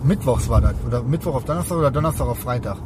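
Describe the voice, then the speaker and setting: A man's voice: mid-range voice, expressive, rapid-fire. A man in casual chat, telling a long rambling anecdote full of fillers, recorded inside a car. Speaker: storyteller. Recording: loud car road noise.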